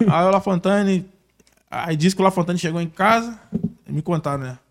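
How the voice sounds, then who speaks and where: Fast, high-voiced Carioca storyteller. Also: male voice. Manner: animated, acts out other people's lines, laughs often. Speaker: former music teacher and guest. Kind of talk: casual podcast storytelling.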